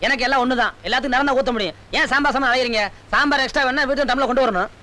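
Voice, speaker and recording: An actor playing a cheeky wedding food server who talks back dismissively, in a film comedy. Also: male voice, very high voice, very fast, sharp tone.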